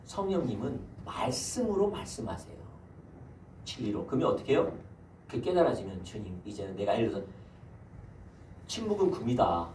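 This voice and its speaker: A man's voice: on the low side, very animated, fairly quick, a little mellow, a little hiss or hum. A man, the senior pastor, giving a Sunday sermon and putting rhetorical questions to his congregation. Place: church sanctuary. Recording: echoey church hall, mic at a distance.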